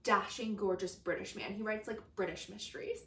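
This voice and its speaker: A woman's voice: medium pitch, steady tone, a little fast, creaky, lightly acted. A woman voicing an incredulous librarian while retelling an anecdote, in a roomy recording from a distant mic. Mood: insistent.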